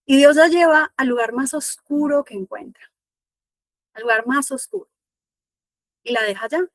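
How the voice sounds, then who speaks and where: A woman spiritual teacher telling a parable in an online masterclass, slow and reflective, repeating phrases for emphasis. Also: high voice, dry recording.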